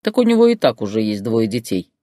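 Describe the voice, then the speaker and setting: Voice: mid-range voice, sing-song, fast, warm tone, no room sound, studio quality, natural voice. A reader as a jeering male guard. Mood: mocking. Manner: mocking, jeering. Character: mocking, guffawing male guard.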